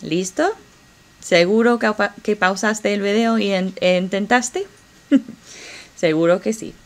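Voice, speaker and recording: A woman Spanish teacher, slowly drilling verb forms and encouraging students. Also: lowish voice. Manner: slow, encouraging drill pace with pauses. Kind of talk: classroom grammar lesson.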